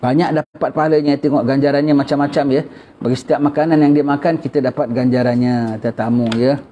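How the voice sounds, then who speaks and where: A man's voice: medium pitch, steady tone, fast talker, slight background noise. A man with a Malaysian Malay accent giving a religious text lesson in a conversational way, often tagging his phrases with "ya" and "ha". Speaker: religious teacher. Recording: dull lo-fi recording.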